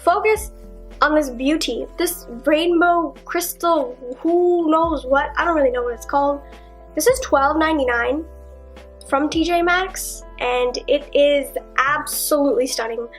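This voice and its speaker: A young woman with a high, bright-sounding pitch talks through her purchases in a loose, enthusiastic vlog style. She strings thoughts together with fillers and tangents. Faint music sits low behind her voice. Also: measured pace. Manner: chatty and enthusiastic, with frequent fillers and asides. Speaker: vlogger. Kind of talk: casual haul video chat. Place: her apartment, indoors.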